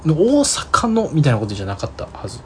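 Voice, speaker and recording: Animated Kansai-accented man, lively pitch. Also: a little hiss or hum. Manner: animated storytelling, quick asides. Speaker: podcast co-host. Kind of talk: casual chat.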